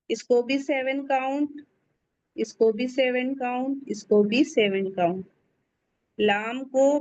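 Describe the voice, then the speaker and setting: A woman teaching Quran in an online lesson, explaining slowly and drawing out recited letters. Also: fairly high pitch. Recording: dull lo-fi audio.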